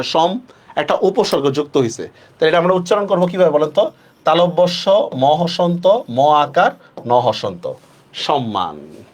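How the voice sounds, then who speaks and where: Lively male teacher drilling pronunciation rules. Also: high voice. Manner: asks students frequent check-questions; stretches words slowly when stressing rules. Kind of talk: online class lecture.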